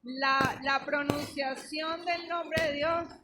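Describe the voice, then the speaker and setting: High-voiced woman pastor preaching. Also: steady tone, takes it slowly, heavy background noise. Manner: emphatic, teaching with questions to the congregation. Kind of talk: sermon. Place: church.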